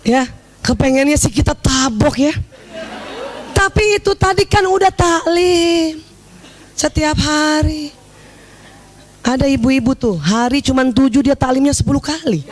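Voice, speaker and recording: Give me a high-pitched woman lecturing women on marriage, warm humor, acting out examples. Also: unhurried, long pauses, a faint crowd, a little hiss or hum. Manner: humorous, acts out little dialogues; addresses audience directly as 'Bu'. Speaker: Islamic family speaker.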